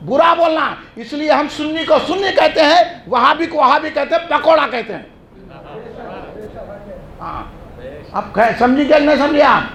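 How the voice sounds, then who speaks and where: A man preaching a fiery sermon, chanting repeated phrases and shouting refrains. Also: extremely high pitch, expressive, pauses often. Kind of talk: fiery religious speech. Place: large mosque hall. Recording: echoey mosque hall.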